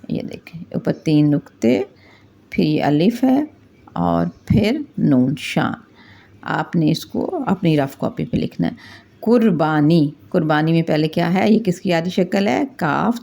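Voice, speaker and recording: A woman's voice: fairly low pitch, vocal fry, mellow. A woman teaching young children, patiently asking questions and answering them step by step. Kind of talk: classroom lesson for young children.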